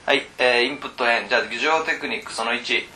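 A man training teachers in a casual lecture, chatting with the room, asking questions and swinging between loud and hushed. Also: medium pitch, quick pace. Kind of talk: lecture to tutors. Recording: roomy echo.

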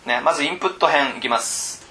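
A man training teachers in a casual lecture, chatting with the room, asking questions and swinging between loud and hushed. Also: fairly high pitch, fast talker. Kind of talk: lecture to tutors. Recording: roomy echo.

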